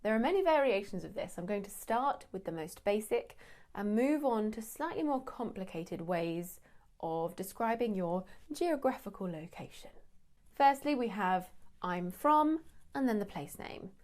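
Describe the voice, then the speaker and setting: Young woman, online language teacher, clear measured delivery, steady mid voice. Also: medium pitch. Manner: clear, measured explanations with spoken examples. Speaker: English teacher. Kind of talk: scripted English lesson.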